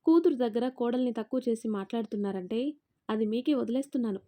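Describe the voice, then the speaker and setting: Putting on the part of a defiant young daughter-in-law, a woman storyteller sounds firm and confrontational with a raised voice. She talks fast at a fairly high pitch with a mellow tone, staying close to her everyday voice.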